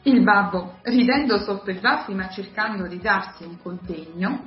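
A woman narrating the stage directions of a radio drama in an even, steady reading. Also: mid-range voice, normal speed. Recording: roomy, slightly dull radio recording, faint music.

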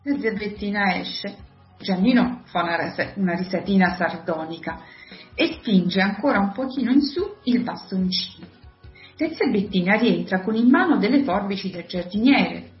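A woman narrating the stage directions of a radio drama in an even, steady reading. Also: mid-range voice, moderate pace. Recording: roomy, slightly dull radio recording, faint music.

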